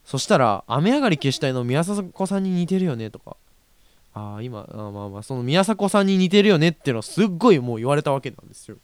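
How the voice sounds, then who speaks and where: A man's voice: a little high, very animated, fast talker, clean tone, no room sound. A young man hosting a casual solo talk show, chatty and rambling, often correcting himself and laughing. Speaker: podcast host.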